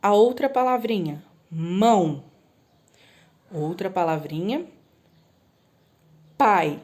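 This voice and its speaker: A patient woman guides young children through a recorded lesson. Her voice sits a little high, and she stretches each example word out slowly. She keeps checking that they follow along. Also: lively intonation, darkish tone. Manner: patient, drawn-out word spelling with frequent "tá?" checks. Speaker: primary school teacher.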